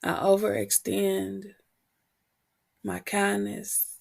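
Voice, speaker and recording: This solo podcast talk comes from a woman host and motivational coach whose husky voice cracks now and then as she shakes off a cold. Her medium-pitched delivery has little pitch movement; she speaks frankly and slowly, pausing after short phrases.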